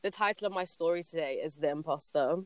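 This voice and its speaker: Female podcast co-host, rambling storyteller, low-ish and smooth. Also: quick pace, no echo. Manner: chatty, laughs often, loses her place. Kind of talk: casual storytelling chat.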